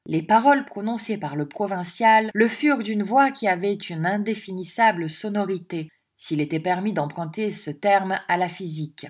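A woman narrates a classic novel in audiobook style. Her reading is composed and expressive, with a voice of middling pitch. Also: normal speed, hardly any pauses.

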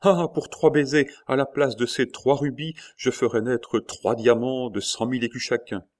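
A man reading aloud, putting on the voice of a greedy, leering moneylender who exclaims loudly. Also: medium pitch, steady tone, normal speed, voice pushed up, close to an everyday voice.

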